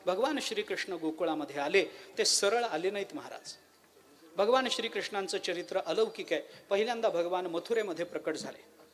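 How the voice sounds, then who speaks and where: A male preacher giving a devotional kirtan sermon, with animated storytelling, rhetorical questions and chanted verses. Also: high voice, brisk.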